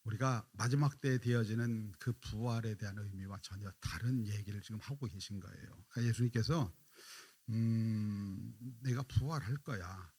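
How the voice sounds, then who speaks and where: A male pastor giving a dawn prayer sermon. He puts questions to the congregation and answers them himself, and he goes quiet and slow when he quotes Jesus. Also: lowish voice, fairly even intonation, breathy edge. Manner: drops to quiet, drawn-out lines when quoting Jesus.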